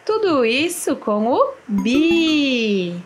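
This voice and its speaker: A woman slowly teaching children their syllables, spelling out each word clearly with long pauses. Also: sits high, sing-song, a little hiss or hum. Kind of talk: slow syllable lesson for children. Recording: faint music behind. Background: soft background music.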